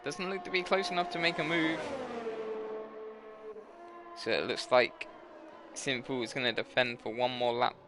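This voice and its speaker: A man's voice: medium pitch, normal speed, pauses often, noisy background. A tired young man giving live commentary on an online racing league, rambling and correcting himself as he goes. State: tired, yawning. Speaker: race commentator.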